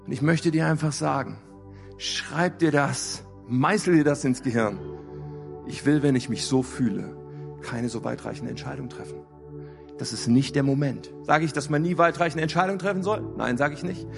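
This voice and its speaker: A man's voice: medium pitch, normal speed, vocal fry, music in the background. A man preaching a sermon, emphatic, repeating key phrases and asking rhetorical questions. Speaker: pastor.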